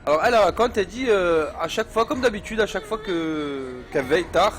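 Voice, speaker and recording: Male storyteller, fairly high voice, casual and slangy, halting with lots of fillers, faint music behind. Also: lively intonation.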